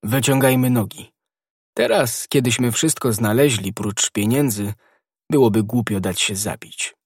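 A man reading the part of a bold young musketeer in an audiobook, offhand and brisk. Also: mid-range voice, breathy edge, no echo, clean studio sound.

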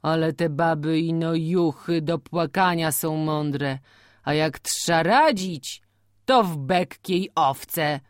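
A woman's voice: on the low side, slow, no echo, clean studio sound, voice pushed up. A woman reading aloud voices a self-important old village man who talks solemnly and scornfully in country dialect. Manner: solemn, contemptuous dialect speech.

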